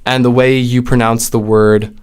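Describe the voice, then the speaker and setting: A man giving an explanatory lesson on speech sounds. He speaks deliberately and draws out example words and vowels to demonstrate them. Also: mid-range voice, flat delivery, clear, resonant tone. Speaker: linguistics video host.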